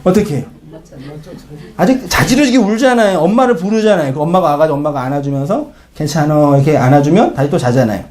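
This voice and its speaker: Male pastor with a fairly high voice. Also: expressive, fast talker, a little mellow. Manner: conversational preaching, asks the congregation questions; acts out short quoted lines in changing voices. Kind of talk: sermon.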